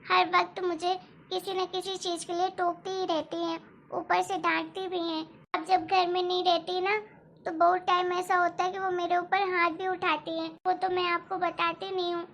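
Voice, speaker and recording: A woman's voice: very high-pitched, little pitch movement, moderate pace, a little hiss or hum. A woman doing a timid little girl. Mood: plaintive. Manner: quiet, plaintive. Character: small sad girl, timid and quiet. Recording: dull lo-fi recording.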